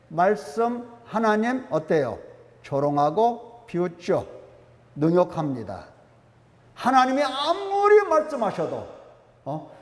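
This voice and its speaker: A man's voice: very high-pitched, reverberant, big-room sound. A male pastor preaching a sermon with emphasis, often asking the congregation questions. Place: church sanctuary.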